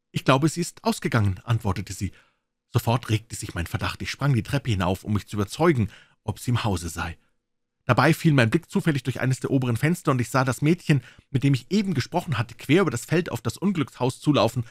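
A man narrates a classic detective story in the first person, giving it dramatic weight. His voice is mid-pitched and somewhat husky. The recording is dry and close, with no room sound. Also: no echo. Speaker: audiobook reader.

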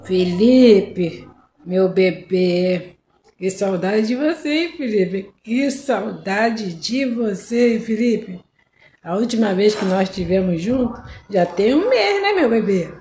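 A woman voicing a lovesick adult woman who leaves syrupy, drawn-out love messages for several men, in a comic sketch. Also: mid-range voice, animated, dark tone, echoey room, a little hiss or hum. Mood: giddy. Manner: syrupy, cooing, drawn-out endearments.

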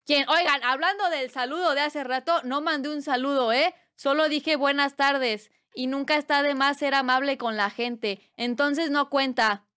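A woman's voice: sits high, fairly even intonation, normal speed, hardly any pauses, bright, forceful tone. A Mexican woman streaming live, chatting casually and reading chat aloud with playful teasing and bursts of squealing laughter.

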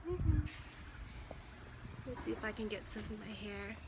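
A young Filipino-accented mother vlogging casually at home on a handheld phone, giddy and excitable and often slipping into a hushed whisper. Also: mid-range voice, unhurried, very noisy.

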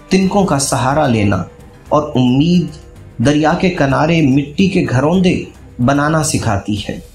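A man narrating a historical novel in an expressive, dramatic reading style. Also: on the high side. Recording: echoey room with faint music.

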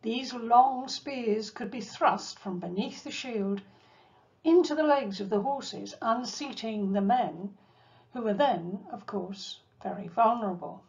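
A woman giving a history lecture, telling the story in a measured way with asides to her listeners. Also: on the high side, a little mellow, lo-fi sound. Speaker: cruise ship enrichment lecturer. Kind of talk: history lecture over slides.

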